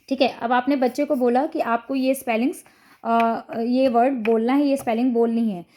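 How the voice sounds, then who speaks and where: ऊँची, मधुर आवाज़ वाली महिला शिक्षिका. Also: female voice, high voice, warm tone. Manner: patient, step-by-step explaining with frequent "ठीक है" checks. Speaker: teacher explaining phonics to parents. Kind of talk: explanatory lesson to camera.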